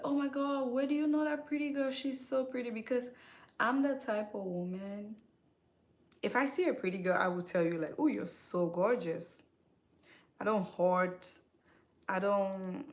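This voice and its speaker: A young woman from Cameroon, chatting casually to her viewers as a skincare vlogger while she does her makeup, with many fillers, repeated words and self-corrections. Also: mid-range voice.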